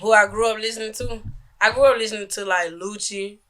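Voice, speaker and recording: Man, American accent, high sharp voice, slangy, casual podcast chat. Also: fairly even intonation, brisk. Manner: slangy, repeatedly checks understanding. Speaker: music artist on a podcast.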